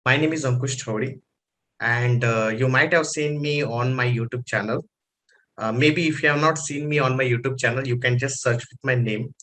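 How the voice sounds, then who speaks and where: A man with an Indian accent hosts an online training session informally, speaking haltingly and often repeating himself. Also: mid-range voice, steady tone, a bit bright. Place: online conference call.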